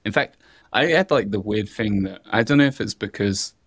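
A man with a British accent, a podcast guest, talking in a halting, monotone way in casual chat. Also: lowish voice, breathy edge, no echo, clean studio sound. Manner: self-described monotone, halting.

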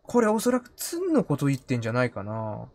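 Animated male game streamer. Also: medium pitch, fast talker. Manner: playful muttering to himself, repeating short phrases. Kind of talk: live gaming commentary, casual.

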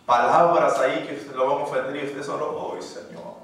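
A man preaching a sermon as pastor, calling out to the congregation, swinging from loud exclamations to hushed asides. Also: medium pitch, fairly even intonation, brisk, slight background noise. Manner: call-and-response preaching. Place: church hall. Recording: very echoey hall, from far off.

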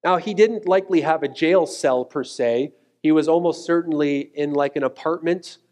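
A man in his thirties preaching a sermon on a church stage, earnest and emphatic, slowing down on key words. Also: on the high side, a little mellow. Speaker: pastor. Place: church stage, mid-size room indoors.

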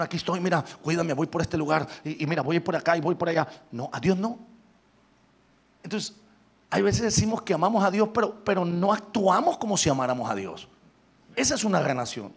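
A man's voice: sits high, creaky, slightly rough. A male Pentecostal evangelist preaching a sermon, calling out to the congregation with frequent hallelujahs. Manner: loud, call-and-response preaching with many hallelujahs.

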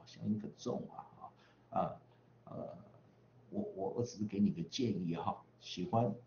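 A man's voice: mid-range voice, vocal fry, mellow, reverberant, highs cut off, a little hiss or hum. A man from the western United States teaching English pronunciation online, chatty, drawing out vowel sounds in drills with frequent tag particles.

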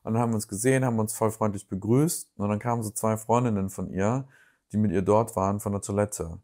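Young german guy vlogging, chatty storyteller acting out the dialogue, voice a bit on the low side. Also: fast. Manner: chatty, animated retelling with quoted dialogue. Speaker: YouTuber recapping reality TV news. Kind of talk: casual storytime vlog.

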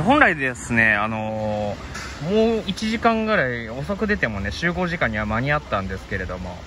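A man narrating his train trip in a polite, leisurely way, full of filler pauses, outdoors at city stations. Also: mid-range voice. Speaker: train-riding vlogger. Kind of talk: casual travel narration to camera. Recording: outdoor urban noise behind the voice.

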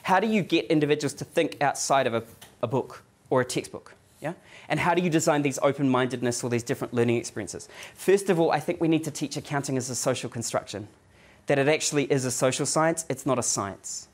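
A man with a New Zealand accent giving a conversational lecture to a live audience, often checking in with a quick "yeah?" and rambling a little as he tells his story. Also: medium pitch. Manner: loose, rambling delivery with restarts and fillers. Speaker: guest lecturer. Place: office event space with a live audience.

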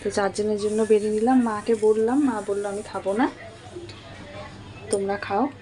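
A woman's voice: medium pitch, fairly even intonation, moderate pace, dark tone. A young woman, casually narrating daily chores in a family vlog. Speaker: vlogger.

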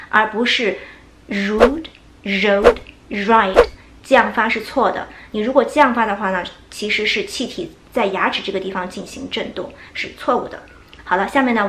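A woman whose first language is Chinese, teaching English pronunciation and slowly demonstrating sounds. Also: mid-range voice, a bit bright, slight background noise. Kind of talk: pronunciation lesson. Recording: echoey room with faint music.

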